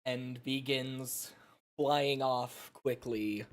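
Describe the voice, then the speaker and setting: Very slow, deliberate man narrating dramatically. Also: medium pitch, steady tone. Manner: halting, deliberate, dramatic pauses. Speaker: player narrating their character. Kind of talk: improvised tabletop role-play narration.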